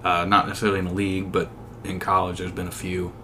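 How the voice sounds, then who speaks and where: A man co-hosting a casual sports podcast, talking in halting, hesitant phrases. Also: sits low, completely flat delivery, bright, forceful tone, slight background noise. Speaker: podcast co-host.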